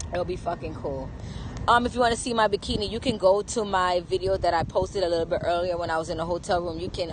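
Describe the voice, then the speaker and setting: A woman's voice: on the low side, noisy background. A woman from Jamaica ranting in a brash, profane, sassy way on a casual phone livestream, outdoors in the rain. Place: outdoors in rainy weather.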